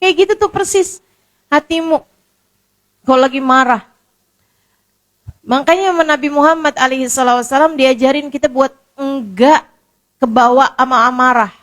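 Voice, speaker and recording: A woman's voice: high-pitched, moderate pace, long pauses, a bit bright. A woman preacher giving a casual, conversational sermon, full of repetition and rhetorical questions. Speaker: Islamic preacher.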